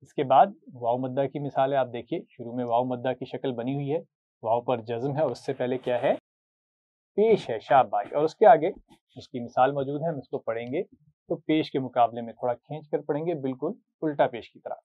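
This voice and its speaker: A man's voice: mid-range voice, a little fast. A man teaching a Quran recitation lesson, patiently drilling short syllables for students to repeat, with a Pakistani Urdu accent. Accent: Urdu-speaking, Pakistani. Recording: tinny phone-like sound.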